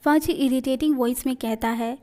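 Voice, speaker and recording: A woman narrating a story aloud in a high, light voice. Her delivery is steady and plain, moving evenly through the scenes. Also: a little fast. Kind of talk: reading a fan fiction story aloud.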